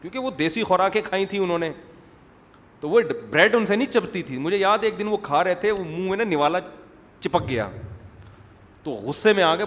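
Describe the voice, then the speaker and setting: A man's voice: fairly high pitch, a bit bright. Joking preacher man in an echoey hall. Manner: digressive, joking, acts out quotes. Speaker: Islamic preacher. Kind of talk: humorous religious lecture. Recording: reverberant hall, faint background noise.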